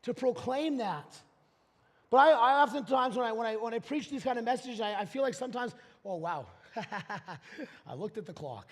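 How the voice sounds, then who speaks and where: Man, pastor, high-pitched voice, live sermon, hushed to emphatic, stumbling restarts, long hall reverb. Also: a little fast. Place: church auditorium.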